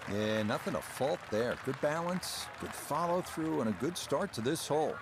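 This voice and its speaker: A man giving polished, measured play-by-play as the lead golf commentator on a televised-style game broadcast. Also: a little high, lively intonation, a crowd in the background, noisy background.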